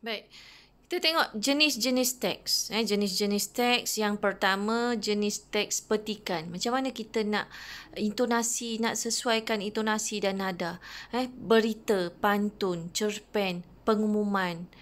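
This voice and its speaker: A woman teacher with a Malaysian accent giving a recorded lesson, explaining step by step and pausing often on hesitant fillers. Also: mid-range voice, a bit bright. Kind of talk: recorded online class lesson.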